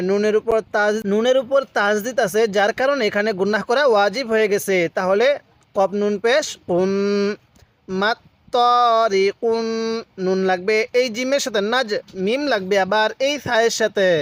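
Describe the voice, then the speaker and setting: High-voiced man teaching Quran reading. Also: no room sound. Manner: patient, spells out letters and syllables slowly. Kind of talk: step-by-step recitation lesson.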